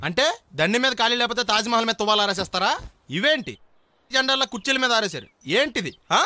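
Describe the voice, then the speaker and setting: An actor playing a cheeky, wisecracking young man in a film comedy, talking in quick comic bursts. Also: very high voice, animated, sharp tone, dry recording, exaggerated voice. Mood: indignant. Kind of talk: Telugu film comedy acting.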